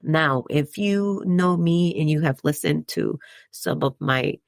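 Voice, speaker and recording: Deep, slow and creaky, this voice belongs to a Dominican podcast host thinking out loud in a reflective monologue. She keeps it conversational, often checking in with "right?" and chuckling between ideas. The audio is studio quality with no room sound.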